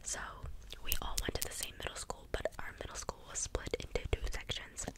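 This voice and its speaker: A young adult speaks in a soft, breathy ASMR whisper, rambling casually through everyday stories and drifting into tangents. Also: a little fast. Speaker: ASMR video creator.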